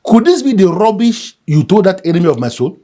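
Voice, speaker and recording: An actor playing a selfish, affronted man in a film drama, with a Nigerian accent and a halting, incredulous, questioning manner. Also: sits high, sing-song, warm tone. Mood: affronted, menacing. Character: selfish, affronted man challenging his accuser.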